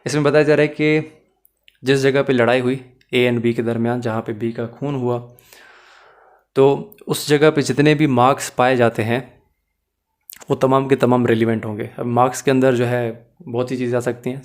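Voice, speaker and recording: This man teaches law in a didactic lecture, blending English phrases into his Hindi-Urdu and frequently making sure the class keeps up. He speaks at normal speed in a medium pitch that stays mostly flat.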